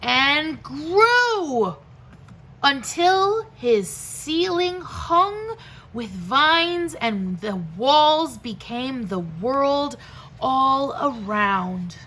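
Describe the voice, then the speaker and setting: Very slow, high-voiced woman reading a storybook. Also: low-quality recording. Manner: expressive, dramatic pauses and swoops. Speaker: teacher reading aloud, show host. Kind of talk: slow storybook read-aloud for young children.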